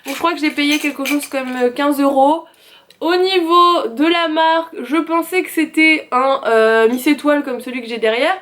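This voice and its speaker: A woman's voice: high voice, fairly bright tone. A young woman from France showing off craft purchases in a casual, chatty, self-mocking way, with sighs and fillers. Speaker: craft vlogger. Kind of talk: casual haul video.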